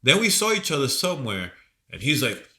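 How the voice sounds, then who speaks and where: A man's voice: mid-range voice, very animated, a little fast, bright, forceful tone. A man with a cold, co-hosting a podcast and telling a rambling, profane story in casual chat. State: sick with a cold. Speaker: podcast co-host.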